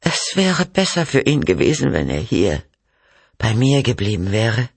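A man's voice: lowish voice, wildly swooping pitch, measured pace, vocal fry, slightly rough, no room sound, pitched above the performer's own voice, exaggerated voice. A man voicing a frail, distraught mother who lashes out in bitter, breathless accusations. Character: frail distraught mother, middle-aged woman.

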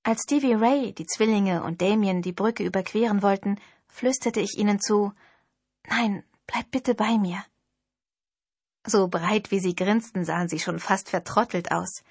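A woman narrating a first-person novel in an expressive storytelling way. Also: mid-range voice, moderate pace, husky, no room sound. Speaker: audiobook narrator.

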